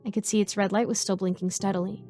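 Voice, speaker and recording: A woman narrating a first-person horror story in a measured, suspenseful way. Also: mid-range voice, little pitch movement, mellow, soft background music.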